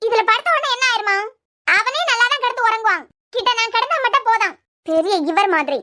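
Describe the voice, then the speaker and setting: A woman voicing a stubborn young wife and mother in a cartoon serial, with a Kanyakumari Tamil accent, talking back in a low, muttering way. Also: fairly quick, pushed and bright, no echo. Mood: sullen.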